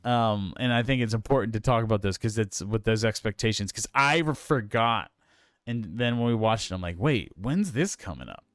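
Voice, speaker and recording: Male podcast co-host, rambling and hesitant, smooth voice, dry close recording. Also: on the low side, a little fast, fairly bright tone, no room sound. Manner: rambling, hesitant, many fillers and restarts. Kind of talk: casual film podcast chat.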